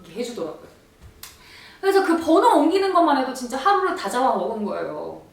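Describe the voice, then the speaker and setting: Animated woman telling a story, echoey room. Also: sits high, quick pace, vocal fry, distant mic. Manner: animated, exasperated retelling with acted quotes. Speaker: vlogger. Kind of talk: storytelling vlog.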